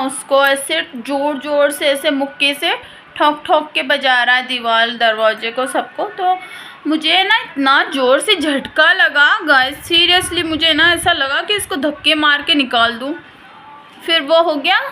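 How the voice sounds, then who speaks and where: A woman's voice: high-pitched, sharp tone, a little hiss or hum. A woman vlogger talking casually to camera in her own house, venting in a heated, emphatic way.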